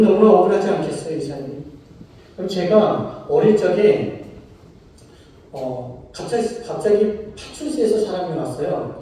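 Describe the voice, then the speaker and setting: Male preacher, high mellow voice, storytelling sermon, far from the mic in a very echoey church. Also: a little hiss or hum. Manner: storytelling, asks congregation questions. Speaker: pastor. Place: church sanctuary. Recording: roomy hall, from far off.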